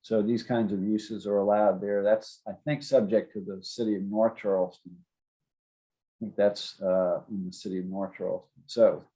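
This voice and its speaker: A man's voice: fairly low pitch, level tone, moderate pace, mellow, rough recording. A man giving an informal, explanatory presentation as city zoning staff, plain-spoken and a little hesitant.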